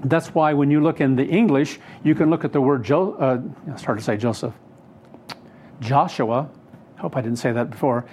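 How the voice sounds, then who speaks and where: A Bible teacher speaks off the cuff in a fairly high, husky voice with a darkish tone. His unscripted teaching on scripture is earnest and rambling, and he often corrects himself mid-sentence.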